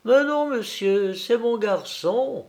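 Man voicing a gentle humble peasant mother. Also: high-pitched, expressive, measured pace, pitched above the performer's own voice. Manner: gentle, simple, rustic.

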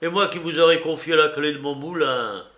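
A man voicing a hearty, blunt miller who exclaims and protests loudly. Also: fairly high pitch, normal speed, reverberant, voice pushed up. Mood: indignant. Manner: loud, exclaiming, indignant. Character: hearty male miller, blunt and good-natured. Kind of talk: audiobook character reading.

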